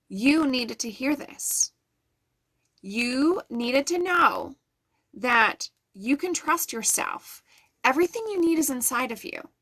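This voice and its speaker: Talking straight to her audience, a middle-aged woman with a somewhat high, fairly bright voice delivers an earnest and soothing live tarot reading as an intuitive card reader.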